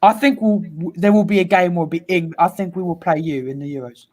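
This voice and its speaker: A young man co-hosting a laid-back football chat rattles off players and lineups from memory, confident in his picks. His voice is high-pitched and fairly quick, with a darkish tone, and sounds on the light side for a man.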